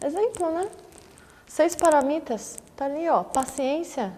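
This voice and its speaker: A Buddhist teacher, a woman, talks to her students in a loose, chatty way, checking in with them after nearly every sentence. Her voice sits a little high for a woman. The recording carries a long hall reverb. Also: expressive, measured pace, a little mellow. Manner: conversational, frequent tag questions, acts out quoted voices. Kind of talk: dharma talk.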